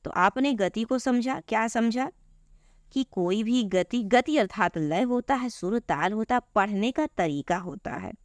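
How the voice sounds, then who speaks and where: Patient woman teacher explaining slowly. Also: fairly high pitch, lively intonation, dry recording, studio quality. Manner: patient, repetitive explaining, addressing students as children. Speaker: Hindi teacher. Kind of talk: classroom lesson explaining grammar.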